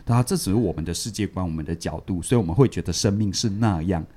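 A man's voice: sits low, fast. A man, casually retelling a story from a book on a podcast, repeating words and laughing as he goes. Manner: animated, repeats words, laughs while telling. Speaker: podcast co-host reviewing a book.

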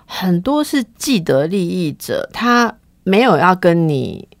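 A woman hosts a casual chat in a low, gravelly voice. Her pitch moves a lot as she asks probing questions and drops little "ha" tags. The sound is close and dry. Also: sing-song, slow, no echo. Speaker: host.

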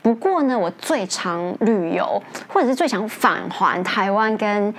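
A woman teacher, hosting an English lesson in a chatty, casual way, often laughing and jumping up in pitch to stress points. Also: expressive, measured pace, slight background noise.

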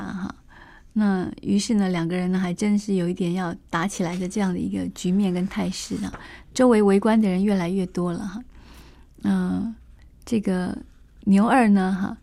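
A woman retells an old classic novel in a relaxed, chatty way, full of small fillers and asides. Her voice sits at an ordinary mid pitch for a woman. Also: creaky. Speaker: storyteller.

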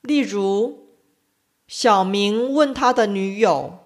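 A woman teaching a language lesson, explaining pronunciation with deliberate, clearly enunciated speech. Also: medium pitch.

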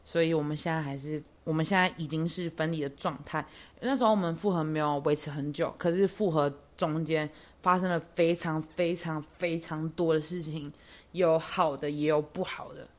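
A woman's voice: low-pitched, normal speed. A young woman, hosting a podcast and chatting through a personal story with lots of fillers. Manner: chatty, lots of fillers, animated when excited. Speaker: podcast host.

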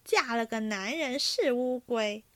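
A woman voicing a brash, crude young rich man at a drinking game, talking loud and blustering. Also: a little high, expressive, unhurried, no echo.

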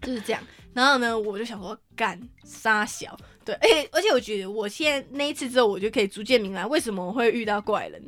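A woman's voice: fairly high pitch, expressive, quick pace, few pauses, fairly bright tone, faint music behind. A woman with a Taiwanese Mandarin accent, animatedly telling a story on a casual podcast, swearing often and acting out what people said. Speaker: podcast co-host.

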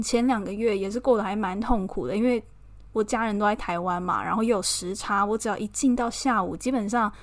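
A woman from Taiwan with a Taiwanese Mandarin accent, chatting casually and expressively as a podcast host, laughing often. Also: medium pitch. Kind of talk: casual personal chat.

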